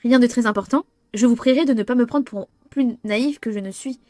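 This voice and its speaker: A young woman reading game dialogue aloud and reacting excitably, often swearing and restarting lines. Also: fairly high pitch, a little fast, no echo. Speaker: gamer. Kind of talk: playing a visual novel aloud.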